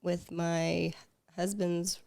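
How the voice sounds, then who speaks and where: Female podcast guest, gravelly lowish voice, dry close mic, easygoing short replies. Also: very slow, no room sound. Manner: relaxed, short answers, laughs easily. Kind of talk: casual chat.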